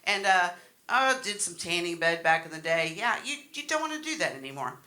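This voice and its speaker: A woman's voice: lowish voice, very animated, a little fast. A middle-aged woman doing a live stand-up set, telling stories in a brash, bawdy, self-deprecating way. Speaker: stand-up comedian. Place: comedy show in front of an audience. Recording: noisy live room with loud audience laughter. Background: loud crowd laughter and noise.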